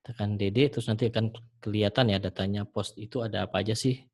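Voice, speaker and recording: A man teaching programming in a screen-recorded tutorial, talking the viewer through each step in a relaxed way with frequent fillers. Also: lowish voice, fast talker. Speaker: programming instructor.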